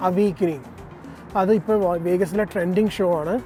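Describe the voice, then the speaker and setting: A man's voice: high-pitched, moderate pace, mellow, soft background music. A man with a Malayalam accent vlogging casually to his viewers, mixing English words into his Malayalam as he narrates his trip. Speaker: travel vlogger. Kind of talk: casual vlog commentary to viewers. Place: on a city bus and busy streets outdoors.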